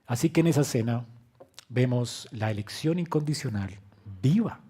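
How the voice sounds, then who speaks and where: A man preaching a sermon as pastor, swinging between quiet low phrases and loud emphatic bursts, and asking the congregation direct questions. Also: expressive, moderate pace, husky. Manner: acts out quoted lines with direct questions to the congregation.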